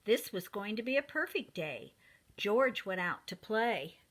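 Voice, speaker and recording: Addressing young children directly, a mid-range-voiced woman reads from a picture book with deliberate, expressive delivery.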